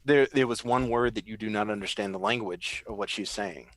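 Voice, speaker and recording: A man's voice: lowish voice, brisk, fairly bright tone, no room sound. A man narrating as game master, describing scenes in a rambling way with frequent restarts.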